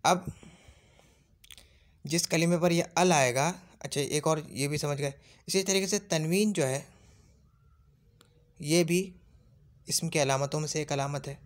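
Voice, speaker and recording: An Urdu-speaking man teaches a classroom lesson on Arabic grammar, patiently repeating points and checking that his listeners follow. His fairly high voice moves a little slowly, with long pauses.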